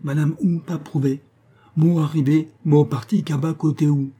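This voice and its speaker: A man's voice: a little high, fairly even intonation, slightly rough, voice pushed up. A man doing a worried Creole-speaking forest guide. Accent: French Guianese Creole. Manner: hushed, worried, halting. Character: anxious loyal male forest guide.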